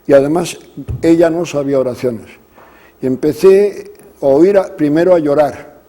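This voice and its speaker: Male priest, fairly high mellow voice, earnest slow-paced storytelling. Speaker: Jesuit priest. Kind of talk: spiritual talk with storytelling.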